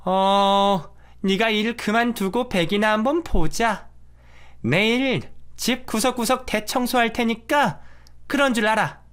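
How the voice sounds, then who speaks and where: A man voicing a domineering older mother-in-law in a radio drama story, shrill and sharp-tongued. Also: measured pace, clean tone. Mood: scolding.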